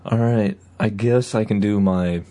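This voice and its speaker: A man co-hosting a podcast, trading crude jokes in casual banter and half-rapping a comic rant in a low mumble. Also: steady tone, measured pace, warm tone. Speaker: podcast co-host.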